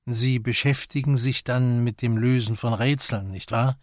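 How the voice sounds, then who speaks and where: A man's voice: medium pitch, steady tone, measured pace, dry recording, close to an everyday voice. A man voicing a young woman who is eager and gushing, in a dry audiobook reading. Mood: curious. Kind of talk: audiobook character voice.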